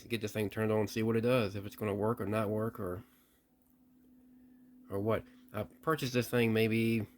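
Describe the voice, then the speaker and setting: A radio hobbyist with a lowish voice does a casual unboxing of an old radio he bought, testing it and thinking aloud in plain terms. He sometimes stops and restarts mid-sentence, his pitch barely moves, his pace is moderate, and a faint hiss runs under the indoor recording.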